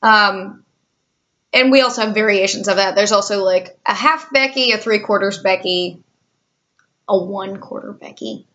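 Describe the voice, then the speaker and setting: A woman's voice: medium pitch, normal speed, pushed and bright, highs cut off. A woman in her twenties who works in a call centre, chatting candidly with a sarcastic, cynical edge. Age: 20s. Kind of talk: casual vlog chat.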